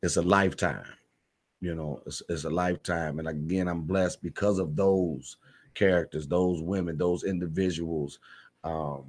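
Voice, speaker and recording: Appearing as a radio guest, this American stage playwright and director keeps things casual, slangy and straightforward, emphasizing points by saying phrases again. His voice sits low, with a steady tone and moderate pace.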